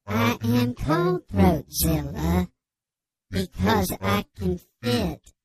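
Brief: a woman as anonymous radio guest, disguised deep voice filter, crawling slow deadpan delivery. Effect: voice-disguising filter, slowed and deepened.

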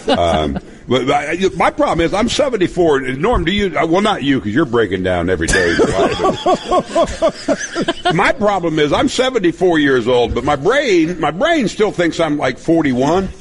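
A man's voice: a little high, huge pitch swings, unhurried. A man in his seventies from Nebraska, a broadcaster telling rambling stories and laughing often in a casual chat. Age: 70s. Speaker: guest broadcaster.

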